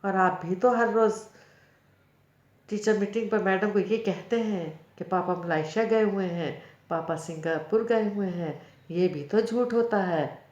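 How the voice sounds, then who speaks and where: A woman's voice: mid-range voice, a little slow, darkish tone, lightly acted. A woman reading the part of a stubborn, outspoken little girl who argues back. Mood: arguing. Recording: roomy, dull lo-fi recording.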